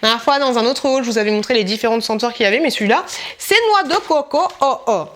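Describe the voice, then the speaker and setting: A young woman talks through her shopping finds in a casual vlog. Her voice sits a little high, and her delivery is chatty and gushing. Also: lively intonation, fast talker. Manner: chatty and enthusiastic, gushing over items. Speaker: YouTuber showing shopping finds.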